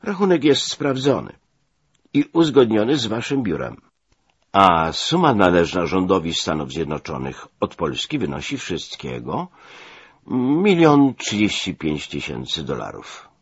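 A man voicing a calm American lieutenant who patiently explains an account, in a dull lo-fi recording. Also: low voice, a little slow, slightly rough, no room sound, voice pushed up, full character voice. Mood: businesslike.

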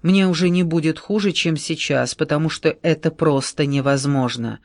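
Guy putting on a desperate young woman, teary and impatient, high and pleading, audiobook. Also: steady tone, moderate pace, a little mellow, dry recording, clean studio sound, close to an everyday voice. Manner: pleading, raised voice.

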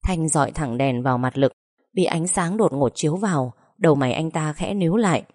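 Woman narrator, calm expressive storybook reading, low mellow voice. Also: fairly quick, dry recording, clean studio sound. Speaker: audiobook narrator.

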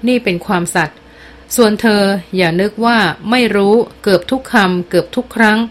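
A woman voicing an older woman who scolds and reproaches with weary exasperation, read in an audiobook at her own middle pitch. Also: moderate pace, lightly acted. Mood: scolding. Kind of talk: audiobook character voice.

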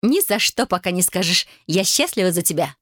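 A woman's voice: lowish voice, expressive, a little fast, breathy edge, no room sound, clean studio sound. A woman reading an audiobook voices a young woman in love, theatrical and conspiratorial with her sister. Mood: dreamy.

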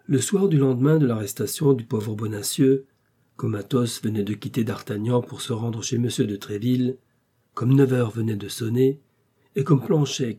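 A man narrating a classic novel as an audiobook in a measured, steady storytelling manner. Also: medium pitch, breathy edge. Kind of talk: scripted literary narration.

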